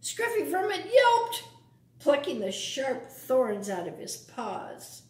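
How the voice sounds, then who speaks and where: A woman reads a picture book aloud to children in a roomy, echoing space, speaking slowly. Her fairly high voice moves with lots of lively pitch, and she often breaks off to ask the kids simple questions or explain things.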